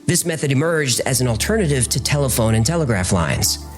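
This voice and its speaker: A man reads scripted documentary narration for a podcast, speaking fairly quickly at a medium pitch. His intonation is lively and varied, with soft music underneath.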